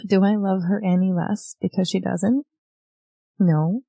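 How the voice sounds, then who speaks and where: Woman podcast host, low mellow voice, dry close sound, earnest and reflective. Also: steady tone, measured pace, gravelly, no echo. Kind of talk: heartfelt personal monologue.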